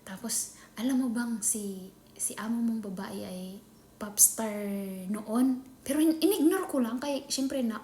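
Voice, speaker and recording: A Filipino woman chatting casually in a vlog, often dropping into a hushed whisper. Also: fairly high pitch, measured pace. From Philippines. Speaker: nanny vlogger. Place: employer's home. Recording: echoey room with faint ambient noise.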